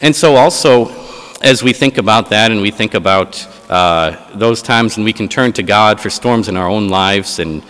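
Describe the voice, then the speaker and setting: A man speaking as a priest in church, reading and preaching in a measured, solemn, deliberate way, with a cathedral-like echo. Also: lowish voice, a bit bright. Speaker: priest giving gospel reading and homily. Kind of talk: liturgical reading and sermon. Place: large reverberant church. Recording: cathedral-like echo, long hall reverb.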